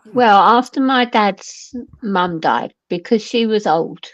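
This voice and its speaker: A woman with a Lancashire accent, chatting casually on a panel and telling stories with lively acted-out quotes. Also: medium pitch, slow pace, no room sound, muffled recording. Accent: Lancashire English. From England. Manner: animated storyteller, acts out quoted friends. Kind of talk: casual chat.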